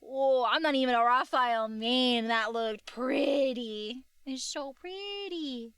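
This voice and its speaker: Cute anime streamer girl chatting on stream, bright high voice, gushy and slangy. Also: slow, clear, resonant tone, dry recording. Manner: expressive, slangy exclamations. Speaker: VTuber artist and livestreamer. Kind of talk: casual livestream chat.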